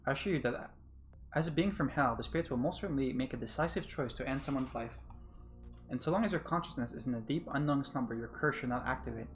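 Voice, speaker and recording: A man's voice: medium pitch, quick pace, soft background music, close to an everyday voice. A man voicing a polite undead male mastermind who speaks in formal, old-fashioned phrases. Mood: courteous. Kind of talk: voicing a game character.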